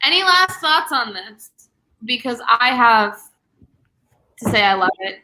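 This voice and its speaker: Bright chatty young woman host. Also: fairly high pitch, sing-song. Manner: chatty, many "like" fillers, quick asides. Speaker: booktube host. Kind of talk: casual livestream book chat.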